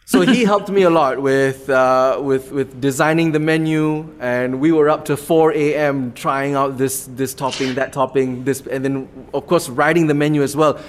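A man's voice: medium pitch, fairly even intonation, normal speed, hardly any pauses, slight background noise. A man with a Malaysian accent, a comedy club owner telling his story in an interview, earnest and rambling, laughing now and then.

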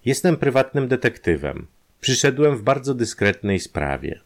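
A man doing a smooth, wheedling conman detective. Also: medium pitch, big pitch swings, normal speed, voice pushed up. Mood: persuasive. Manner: ingratiating, persuasive. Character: smooth-talking male private detective, conman.

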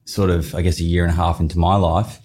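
A man's voice: sits low, little pitch movement, fast talker, darkish tone. A man in his thirties with a broad Australian accent, chatting casually and telling stories in an interview. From Australia, partly raised in the southern United States. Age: 30s. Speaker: podcast host telling his own story. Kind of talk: casual interview chat, anecdotes.

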